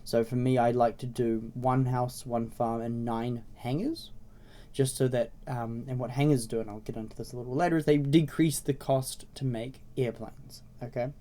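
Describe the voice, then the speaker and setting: Raspy man with a cold, mellow tone. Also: mid-range voice, fairly even intonation, normal speed. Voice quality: slightly raspy. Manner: informal, explanatory, often checking in with "okay?" and "right?". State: congested with a cold, frequent throat clearing. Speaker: video host introducing a browser game series. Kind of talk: casual tutorial commentary.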